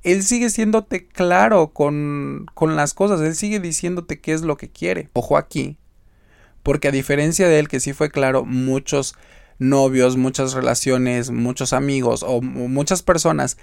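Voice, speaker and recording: A man's voice: a little high, fairly even intonation, measured pace, gravelly, smooth, dry recording, studio quality. A man with a Mexican accent hosting a podcast, talking straight to the listener in a chatty, emphatic way as he gives advice. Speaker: podcast host. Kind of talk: casual advice monologue.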